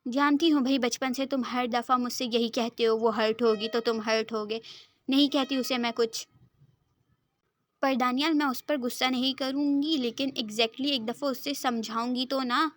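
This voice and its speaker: A woman's voice: on the high side, steady tone, normal speed, natural voice. Woman playing a doting, forgiving mother. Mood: soothing, teasing. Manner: warm, soothing reassurance.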